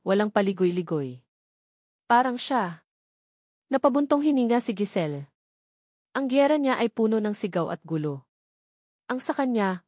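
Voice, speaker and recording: A woman with a Filipino accent narrates a scripted romantic drama audiobook. Her voice is medium-pitched and darkish, recorded cleanly in a studio with no echo.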